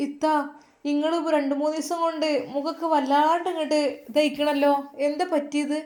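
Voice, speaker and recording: A woman voicing a gentle, concerned young wife with a Malappuram accent, speaking softly. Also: high voice, flat delivery, a little fast, voice pushed up, lightly acted. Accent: Malappuram Malayalam.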